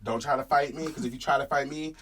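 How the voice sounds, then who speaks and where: A woman co-hosting a podcast in casual chat, animated and playful, laughing often. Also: a bass voice, quick pace. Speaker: podcast co-host.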